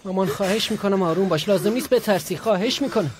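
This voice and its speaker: A man's voice: sits high, slight background noise, natural voice. A young man dubbing an angry son who defends his mother against his father. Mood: defiant. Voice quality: heated, defiant. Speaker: dubbing actor. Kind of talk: Persian dub of a TV drama.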